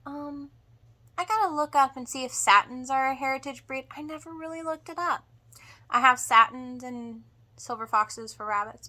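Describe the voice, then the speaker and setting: A woman giving a casual homestead update to viewers in a halting way, sounding drained and emotional after surgery. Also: sits high, pushed and bright. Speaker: homestead vlogger.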